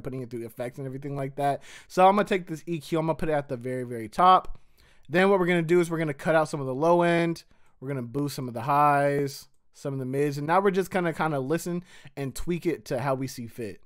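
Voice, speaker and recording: A man's voice: a little high, fairly bright tone. A man, a music producer, casually walking through his mixing steps in a slangy, laid-back tutorial voice.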